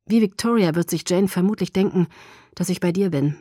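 A woman voicing a young male vampire from an audiobook, calm and protective but tense underneath. He speaks low and hushed, as if through gritted teeth. The recording is close and dry. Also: fairly quick, dry recording, natural voice. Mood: tense, reassuring. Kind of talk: audiobook character voice.

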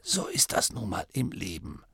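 A man voicing a frail, dying old gnome abbot who can barely speak above a breathy whisper. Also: deep voice, huge pitch swings, normal speed, bright, forceful tone, dry recording, heavily acted. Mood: weary. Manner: faint breathy whisper, weary and dry-witted.

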